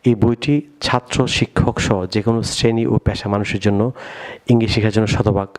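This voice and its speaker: A man's voice: lowish voice, level tone, a little fast. A man with a Bangladeshi Bengali accent giving an English pronunciation lesson, often calling on his viewers and having them repeat words after him. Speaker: English teacher.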